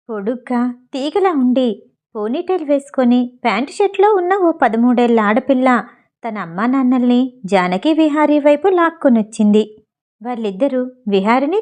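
Woman with a dark voice reading a novel. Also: high voice, lively intonation, normal speed. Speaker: audiobook narrator.

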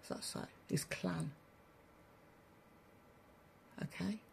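Blunt, gravelly woman ranting. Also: on the low side, normal speed, slight background noise. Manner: blunt, swearing, preachy, addresses listeners as family. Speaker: spiritual broadcaster. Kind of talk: ranting livestream monologue.

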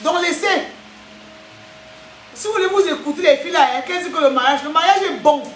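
Animated young woman vlogging. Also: very high voice, fairly quick, echoey room, a little hiss or hum. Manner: animated, acts out scenes, frequent "hein?". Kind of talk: casual chat monologue.

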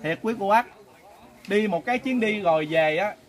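A man's voice: high voice, normal speed. A man with a Southern Vietnamese accent leading a pilgrim group, telling a folksy, earnest story-sermon and often turning to his listeners. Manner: folksy, earnest, keeps addressing listeners directly. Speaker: pilgrimage group leader and lay preacher.

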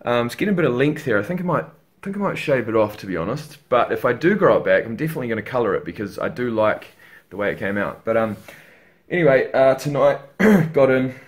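A man's voice: medium pitch, expressive, fast. A tired young man chatting casually in a home vlog, rambling and swearing as he talks to a webcam in his bedroom. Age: young adult. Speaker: fitness vlogger.

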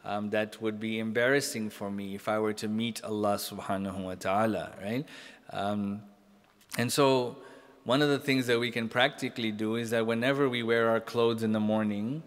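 A middle-aged man delivers a sermon in a relaxed, conversational way, often turning to the listeners for agreement. His voice sits at a medium pitch. It rings out with a long reverb, as if in a large hall. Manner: casual, talks directly to the audience with frequent "right?" and "you know?". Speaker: sheikh giving a religious lecture. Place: mosque hall, indoors.

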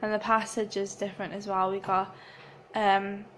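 A young woman at medium pitch talks at a moderate pace in a level tone, over a noisy background. Vlogging with her phone camera at arm's length, she rambles and giggles in casual chat, from a small flat indoors to a windy street outside.

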